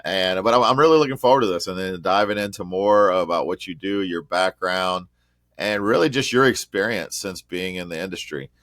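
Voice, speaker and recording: A man's voice: low-pitched, brisk, fairly bright tone, no echo, clean studio sound. A man hosting a podcast interview, welcoming his guest and asking about her background in a friendly, affirming way. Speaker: podcast host.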